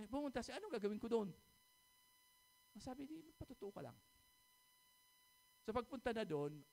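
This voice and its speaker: A man preaching a sermon, telling a testimony story and often asking his congregation "amen?" and "di ba?". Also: sits high.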